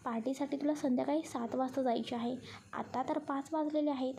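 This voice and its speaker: A sensitive, easily shaken young woman from a romance storybook, read by a woman. She scolds and teases by turns, her voice high and soft-edged with a faint hiss behind it. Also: steady tone, fairly quick, gravelly. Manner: reproachful, teasing with her friend.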